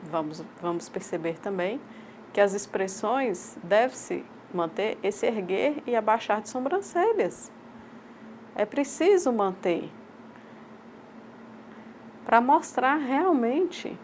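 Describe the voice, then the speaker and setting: A woman with a Brazilian accent voicing a sign language teacher's lecture aloud, in measured, halting short phrases. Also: on the high side, animated, slight background noise. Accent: Brazilian Portuguese. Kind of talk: voiced interpretation of a lecture.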